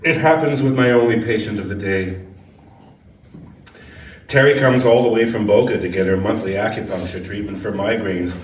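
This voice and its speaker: Reading a first-person short story as scripted narration, a man with a fairly low voice speaks at normal speed and now and then trips over a word. His distant mic picks up room echo and background noise.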